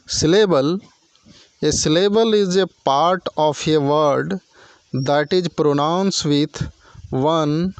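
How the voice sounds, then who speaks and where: A man teaching basic grammar in a slow, explanatory lesson. He reads English definitions and then explains them. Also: a little high, dry recording.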